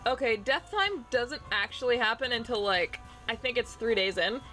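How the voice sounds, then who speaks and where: A woman's voice: fairly high pitch, expressive, normal speed, sharp tone, faint music behind, poor audio. A woman streaming a visual novel, chatting casually, rambling and swearing. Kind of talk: casual game commentary.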